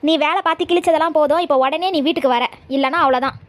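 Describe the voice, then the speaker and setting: A woman playing a feisty, sharp-tongued young daughter-in-law in a comedy skit. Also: high-pitched, very fast, no echo, clean studio sound, close to an everyday voice. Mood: bossy.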